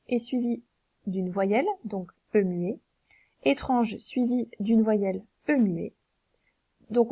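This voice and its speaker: A woman's voice: mid-range voice, gravelly, dark tone, breathy edge, dry recording. A woman teacher, patiently explaining a poetry exercise step by step, with frequent hesitations. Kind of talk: recorded lesson correcting a versification exercise.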